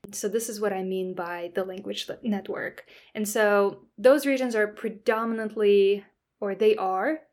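A woman guest in an interview, patiently explaining her research in a relaxed way, often checking in with "right?". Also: mid-range voice, measured pace. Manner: explains patiently, with frequent "right?" and "that kind of stuff". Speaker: scientist guest.

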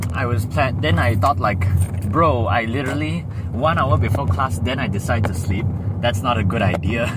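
A young man with a Singlish accent rambling casually in a diary style, meandering and ending phrases with lah. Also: lowish voice. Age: young adult. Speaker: daily vlogger. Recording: loud traffic and vehicle noise.

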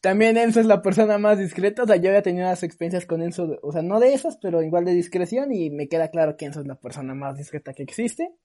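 Slangy young Mexican man, mellow voice. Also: high voice, fast, few pauses. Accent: Mexican Spanish. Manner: animated, swears a lot, mocks friends. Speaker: podcast co-host. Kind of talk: casual storytelling chat.

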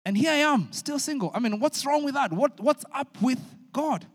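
A man's voice: very high voice, animated, moderate pace. A middle-aged man preaching a sermon as pastor, telling a story animatedly and acting out his younger self. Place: large church hall. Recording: long hall reverb.

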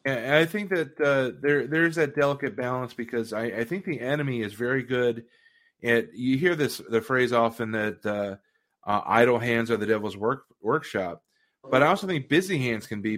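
A man's voice: mid-range voice, a bit bright. A man hosting a casual faith conversation, reflecting thoughtfully and at length.

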